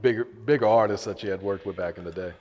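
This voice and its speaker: A man's voice: lowish voice, fast talker, darkish tone, in a large hall. A man interviewing someone in a casual chat, informal and slangy in his phrasing.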